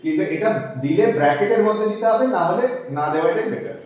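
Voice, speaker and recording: A man's voice: high voice, fast talker, darkish tone. A man teaching English phonetic transcription in a live class, breaking each word into single sounds and repeating it. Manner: spells out sounds one by one, repeating words. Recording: echoey room, far from the mic.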